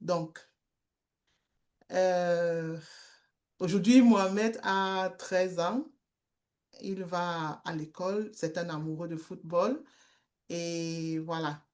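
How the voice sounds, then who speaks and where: A middle-aged woman giving a testimony, telling a story in a slow, halting way with repeated words. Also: lowish voice, fairly even intonation, darkish tone. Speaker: guest speaker, street-children worker.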